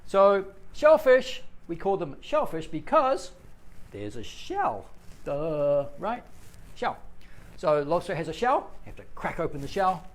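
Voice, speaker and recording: A man's voice: on the high side, big pitch swings, unhurried. Playful, chatty male English teacher. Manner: chatty and playful, jokes with viewers. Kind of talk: live-streamed English lesson.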